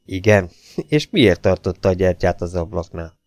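A man reading an audiobook, voicing a young nobleman who questions his servant loudly and demands answers. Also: low voice, no echo, studio quality. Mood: demanding. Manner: loud, demanding, angry. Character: commanding young male baronet, impatient.

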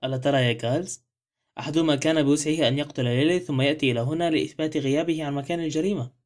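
A man's voice: a little high, fairly even intonation, racing, darkish tone, close to an everyday voice. A man voicing a confident young wife who reasons things out, in a read-aloud novel. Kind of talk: audiobook character reading.

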